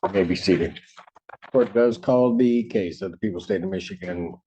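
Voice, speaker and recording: A man presiding as judge in a courtroom recording, speaking formally and haltingly with frequent pauses and filler sounds. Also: sits low, dark tone. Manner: measured, halting, many ums. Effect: courtroom audio recording. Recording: muffled courtroom recording, faint hiss.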